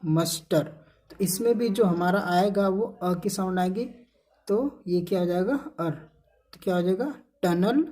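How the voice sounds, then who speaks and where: A woman teacher with a Hindi accent walks through spelling rules at an unhurried pace. Her voice is soft and mellow. She keeps asking the class a question and answering it herself, repeating each word slowly. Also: medium pitch. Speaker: English teacher. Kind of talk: classroom phonics lesson.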